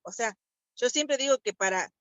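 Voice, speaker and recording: A woman in an online class, speaking haltingly with restarts while her video call audio keeps breaking up and cutting out. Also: on the high side, animated, a bit bright, no room sound, highs cut off. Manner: halting, many restarts and fillers. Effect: choppy, cutting-out video call audio. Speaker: workshop participant. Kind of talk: casual remarks in an online class.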